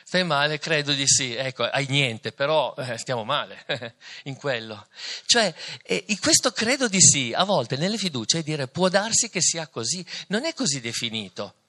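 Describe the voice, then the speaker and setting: A man's voice: medium pitch, big pitch swings, normal speed, sharp tone. A man, a priest, giving a conversational sermon to a couple, reading scripture and asking rhetorical questions.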